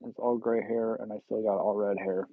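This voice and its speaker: Rambling and cracking self-deprecating jokes with his viewers, a livestream host in his thirties speaks fairly quickly in a low-leaning, flat voice. The recording sounds dry and tinny, much like a phone.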